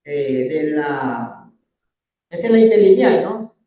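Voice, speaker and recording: A man's voice: on the high side, animated, takes it slowly, dark tone, reverberant. A man teaching a Bible study lesson from slides. He explains step by step and keeps checking with his listeners.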